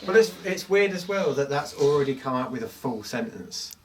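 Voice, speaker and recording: A man's voice: medium pitch, lively intonation, moderate pace, slight background noise. A man working as a paranormal investigator, talking in a casual, conversational way. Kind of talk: casual chat. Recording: distant from the microphone.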